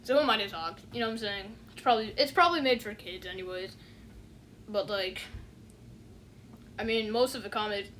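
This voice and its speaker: Recorded roughly, with a little hiss or hum, a woman speaks in a mid-range, slightly bright voice. She's an online reviewer giving a rambling, offhand review full of fillers, sounding unimpressed and saying "you know what I'm saying" again and again.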